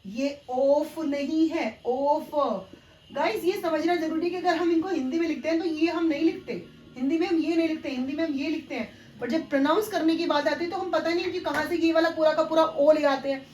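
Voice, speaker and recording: Woman pronunciation teacher, high-pitched, spells out letters, repeats corrections, roomy echo. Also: darkish tone, a little hiss or hum. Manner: spells words letter by letter and repeats them slowly; corrective, addresses viewers as guys. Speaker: English teacher. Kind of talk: spoken English pronunciation lesson.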